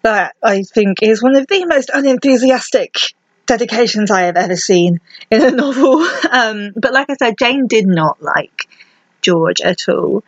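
A woman's voice: fairly high pitch, expressive, a little slow, no echo. Woman telling history, wry asides. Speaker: podcast host. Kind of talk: casual history storytelling. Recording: dull, dry lo-fi sound.

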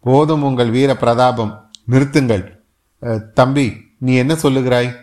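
A stern middle-aged fort commander, gruff and used to command, as a male narrator puts him on. He speaks with weighty authority in a storybook reading. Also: mid-range voice, fairly even intonation, moderate pace, lightly acted. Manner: gruff orders to guards, softer to the youth.

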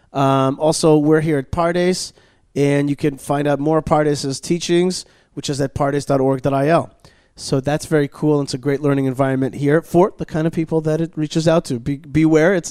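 A man's voice: medium pitch, a little mellow, clean tone, no echo, studio quality. A man hosting a radio talk show, chatting casually and doing sponsor plugs with many restarts and fillers. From Israel. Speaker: podcast host. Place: studio at a learning center.

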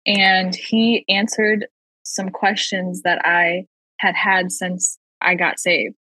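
Husky-voiced woman giving earnest testimony. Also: lowish voice, flat delivery, bright, forceful tone, no echo, low-quality recording. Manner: earnest, slow and emphatic on key phrases. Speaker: returning podcast guest. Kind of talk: personal faith testimony in conversation.

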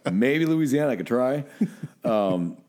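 A man's voice: mid-range voice, expressive, unhurried, darkish tone. A middle-aged man from Northern California, a police officer co-hosting a podcast, telling blunt, profane stories in casual chat.

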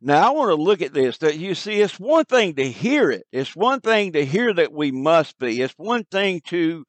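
Male preacher, slightly high voice, emphatic repetitive sermon delivery, dry close recording. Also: sing-song, normal speed, no room sound.

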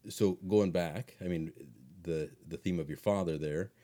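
Deep, mellow-voiced male interviewer. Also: measured pace. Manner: attentive, affirming, asks probing follow-up questions. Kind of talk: casual interview.

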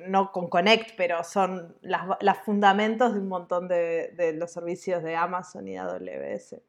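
A woman who hosts a podcast and chats casually, asking her guest relaxed follow-up questions. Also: on the low side, a little slow, vocal fry. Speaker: podcast host.

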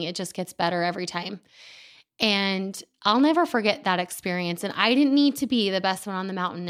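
A woman's voice: medium pitch, fairly bright tone, clean tone. A woman in her thirties talking into a microphone in a candid, chatty, self-deprecating monologue as a podcast host. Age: 30s. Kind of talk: casual personal monologue. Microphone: studio microphone.

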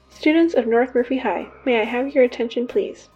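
An actress playing a composed high school student who makes a formal, solemn address over the school intercom. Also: female voice, animated, normal speed, muffled recording, soft background music. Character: composed young woman high school student making announcements. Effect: speaking over a school intercom (PA system).

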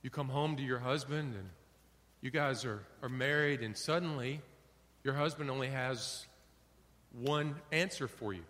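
A middle-aged male pastor preaching a sermon, animated, acting out little dialogues for his congregation. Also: mid-range voice, measured pace. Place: church sanctuary. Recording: long hall reverb.

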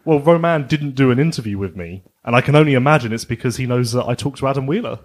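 A man's voice: mid-range voice, fast. A man co-hosting a podcast in casual chat, teasing and laughing easily. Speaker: podcast co-host.

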